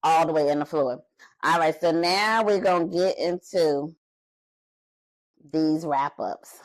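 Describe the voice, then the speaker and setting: A woman's voice: low-pitched, slow, dry recording, poor audio. Blunt, shady woman recapping reality TV. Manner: blunt, shady, acts out quotes. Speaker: podcast co-host. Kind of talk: casual recap chat.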